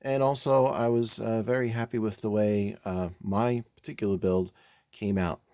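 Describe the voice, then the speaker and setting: A man with a lowish, mellow voice talks through a model kit build in a relaxed, rambling way, full of fillers and small laughs. His delivery is a touch stiff, almost robotic. The sound is dry and close, with no room echo. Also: moderate pace. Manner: rambling, self-deprecating, many fillers and chuckles. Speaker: scale model builder and channel host. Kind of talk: casual build video narration.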